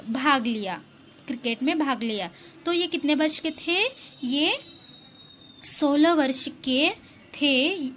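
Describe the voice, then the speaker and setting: A woman schoolteacher explaining a reading lesson to children, asking questions and answering them herself, with faint background hiss. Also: sits high. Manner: asks questions and answers them herself, repeats key lines. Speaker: school teacher.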